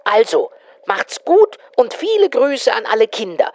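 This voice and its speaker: Woman playing a busy witch, apologetic, friendly, lively pitch, children's radio play. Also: measured pace.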